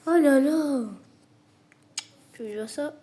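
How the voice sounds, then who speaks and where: A woman with a fairly high voice plays a football video game and talks through every attempt. She keeps repeating her complaints, and every so often she drops into a mock sports-commentator delivery. A faint noise sits under her voice. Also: drawn-out words, warm tone. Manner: frustrated, repeats complaints over and over. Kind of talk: casual gameplay commentary.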